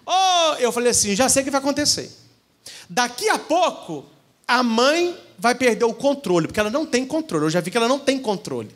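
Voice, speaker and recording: Brazilian priest telling funny stories to couples, high voice that jumps all over, acts out the people in them. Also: male voice, brisk. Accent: Brazilian Portuguese. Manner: animated storytelling, acting out what people said. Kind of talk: humorous talk at a couples' retreat. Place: church event hall.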